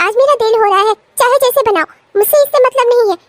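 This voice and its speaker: A woman's voice: extremely high pitch, quick pace, recorded from a distance, a little hiss or hum. A woman voicing a spoiled, bratty young woman in a cartoon, who whines and makes demands. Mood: demanding. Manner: whiny, demanding, indignant. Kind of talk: cartoon voice acting.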